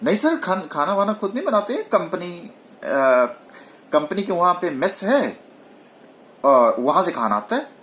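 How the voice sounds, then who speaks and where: A man's voice: high-pitched, big pitch swings, measured pace, a bit bright, a little hiss or hum, full character voice. A man voicing a hesitant young male employee who politely answers his teacher and starts his replies with "sir".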